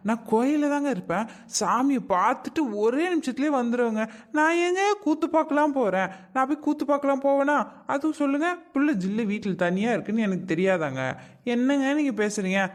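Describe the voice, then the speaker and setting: A woman's voice: fairly high pitch, lively intonation, fairly quick, natural voice. A woman voicing a young wife in a comedy cartoon, pleading and wheedling to be allowed out. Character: pleading young wife eager for the temple fest.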